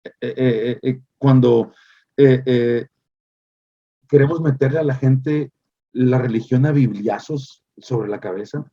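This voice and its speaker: Warm husky-voiced male pastor preaching. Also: mid-range voice, slow pace, muffled recording. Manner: emphatic preaching with repeated phrases and hesitant "eh" fillers. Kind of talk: sermon.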